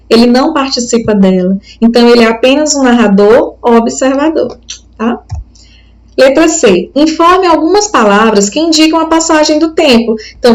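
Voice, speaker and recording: A woman's voice: high voice, low-quality recording. A Brazilian woman teacher with a Brazilian Portuguese accent, giving a recorded video lesson in a patient, explanatory way and often checking that the students follow.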